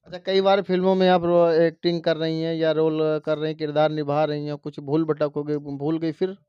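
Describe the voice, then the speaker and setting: High-voiced male news reporter. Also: flat delivery, normal speed, smooth, no room sound. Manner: formal, introducing and questioning the guest. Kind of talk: news interview. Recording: slightly muffled, dry recording.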